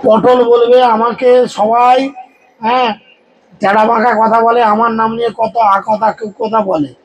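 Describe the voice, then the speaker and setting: A man preaching a devotional sermon to a gathering, exhorting and joking with his listeners and leading them in loud chants. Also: very high-pitched, little pitch movement, a little slow, a little hiss or hum, low-quality recording. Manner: exhorting, humorous, leads crowd in loud chants.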